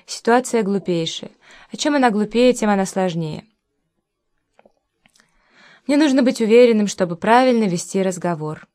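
A woman's voice: mid-range voice, animated, normal speed, long pauses, darkish tone, close to an everyday voice. A woman reading the lines of a blunt, tough grown man who gives curt, firm orders, in an audiobook. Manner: curt and commanding. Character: blunt, tough adult man, protective friend.

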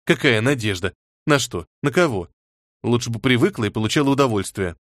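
A man's voice: mid-range voice, animated, a little fast, a bit bright, dry recording, close to an everyday voice. A smug plump teenage girl with a mocking, giggly way of talking, as a male audiobook reader puts her on. He stays close to his own voice. The sound is dry and close.

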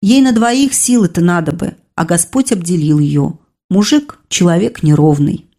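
A woman voicing a sturdy, blunt working woman who talks in a brisk, earthy, scolding way. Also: lowish voice, lively intonation, mellow. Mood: plainspoken.

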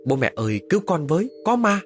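A man's voice: medium pitch, big pitch swings, moderate pace, faint music behind, natural voice. A man voicing a frightened young village boy who pleads and cries out in panic, in a spoken horror story. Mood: terrified.

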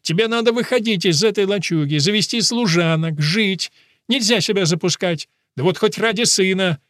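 A man's voice: sits high, normal speed, fairly bright tone, dry recording, studio quality, voice pushed up. A man voicing a smug, cheerful middle-aged father who talks in a breezy, patronizing way.

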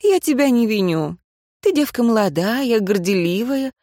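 A woman's voice: fairly high pitch, lively intonation, normal speed, dark tone, no echo, clean studio sound, close to an everyday voice. Woman reading as a folksy shrewd older village woman. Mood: chiding. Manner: folksy speech with homely diminutives.

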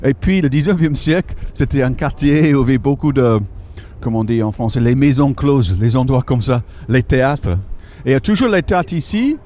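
A local tour guide with a dark, expressive, mid-range voice walks a group through a city street outdoors, describing the sights. He speaks haltingly with many fillers, struggling to find French words.

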